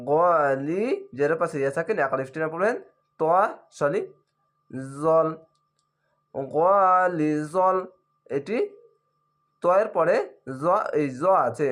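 A man with a somewhat high voice leads a recitation lesson. He chants each word in long, drawn-out syllables, then breaks off to explain the reading rules in brisk, plain speech. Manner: drawn-out chanting of words between quick explanations. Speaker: Quran reading teacher. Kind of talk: slow spelled-out recitation lesson.

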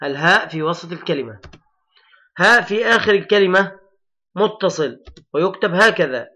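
Guy teacher w/ a high bright voice, stretching out letters slow for little kids. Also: animated. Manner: slow, drawn-out, emphatic letter sounding for children; addresses pupils as heroes, patient and encouraging. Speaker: primary school Arabic teacher. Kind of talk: recorded classroom lesson for young children.

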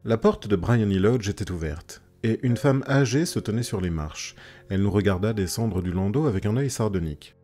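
A man narrating a classic story in a measured, steady reading. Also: on the low side. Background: faint soft music.

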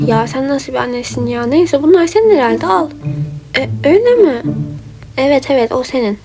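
A woman voicing characters in a doll game role-play, lively and chatty, switching between them. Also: sits high, moderate pace. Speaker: role-play video maker. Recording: background music.

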